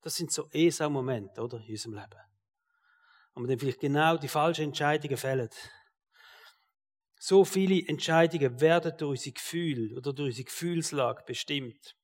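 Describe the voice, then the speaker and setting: A man with a Swiss German accent preaching a sermon, moving from loud rhetorical questions to quiet, low asides. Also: a little fast, big-room sound.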